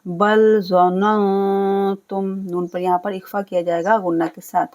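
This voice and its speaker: A woman teaching Quran recitation, spelling out letters and vowels, then chanting each word slowly and drawn out, with patient explanations. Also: on the low side, level tone, dark tone. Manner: explains rules patiently, often checks with a quick "okay". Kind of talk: step-by-step recitation lesson.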